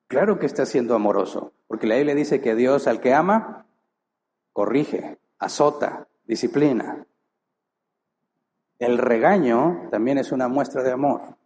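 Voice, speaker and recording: A man's voice: medium pitch, darkish tone. A man preaching a sermon as pastor, emphatic, full of rhetorical questions. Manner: rhetorical questions, emphatic, acts out short quoted lines. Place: church hall. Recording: long hall reverb.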